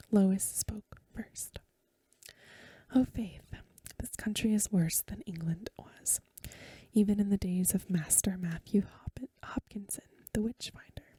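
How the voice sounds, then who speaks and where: In the gentle style of bedtime ASMR, a woman whispers her reading softly and breathily, keeping a measured pace. The recording is dry, and her voice is mid-range.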